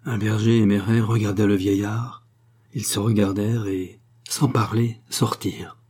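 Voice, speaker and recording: A man reading a literary short story aloud in measured narration. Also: lowish voice, flat delivery, darkish tone. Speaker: audiobook reader. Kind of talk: scripted narration.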